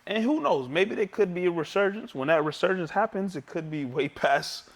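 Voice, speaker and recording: A man's voice: high voice, lively intonation, moderate pace. A man co-hosting a casual podcast, easygoing and reflective, who stresses his points by repeating them. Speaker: podcast co-host.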